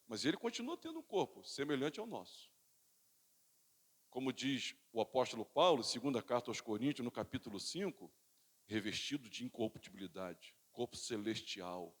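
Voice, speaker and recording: A male pastor, preaching a sermon with dynamic swings from loud calls to quiet asides, and calling on the congregation to repeat after him. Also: medium pitch, expressive, moderate pace. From Brazil. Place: church sanctuary. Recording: reverberant church hall.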